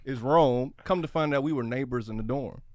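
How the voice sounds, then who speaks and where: A man's voice: mid-range voice, brisk, no room sound. A man from Miami, a guest telling a story in a casual interview, acting out what people said. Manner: animated storyteller, acts out quotes.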